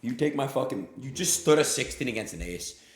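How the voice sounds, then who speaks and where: A young man livestreaming his gambling, swearing a lot, swinging between loud outbursts and muttering. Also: mid-range voice, animated, brisk, roomy sound. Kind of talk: live gambling stream chat.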